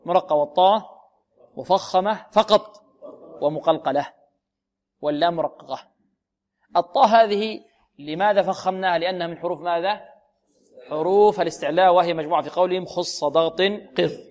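A high-pitched man with a darkish tone leads a radio lesson in Quran recitation. He asks questions, supplies his own answers, and slowly repeats words so listeners hear the correct pronunciation.

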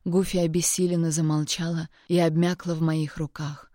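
A woman narrating a first-person romance audiobook in a steady, measured way. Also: low voice, no echo, studio quality. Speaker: audiobook reader.

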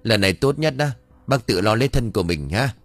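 A man voicing Hào, a cheeky young male villager who flatters and whines. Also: lowish voice, a little fast, no echo, faint music behind. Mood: teasing. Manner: wheedling, whiny when scared.

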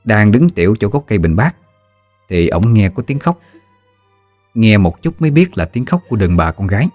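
A man's voice: lowish voice, big pitch swings, moderate pace, a little mellow, no room sound, faint music behind. Southern Vietnamese man telling ghost stories. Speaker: storyteller. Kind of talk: ghost story narration.

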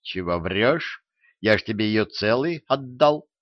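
A male narrator voicing a cowardly skeleton guide who talks in an owl's voice, shrill and yelling, in a dull, dry recording. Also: lively intonation, a little slow, dry recording. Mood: squabbling. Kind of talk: audiobook character voice.

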